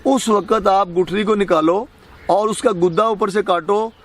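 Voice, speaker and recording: A man's voice: sits high, fairly even intonation. A man with a Pakistani Punjabi accent, explaining crop care outdoors in an instructive, firmly corrective way. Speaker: farm expert guest. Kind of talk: explaining farming advice. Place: outdoors on a farm.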